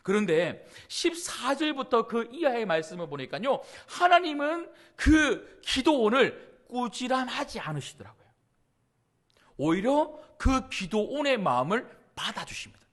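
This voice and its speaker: A man's voice: very high voice, very animated, measured pace, fairly bright tone. A man pastor preaching a sermon emphatically, stacking repeated phrases and rising to outbursts. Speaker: senior pastor.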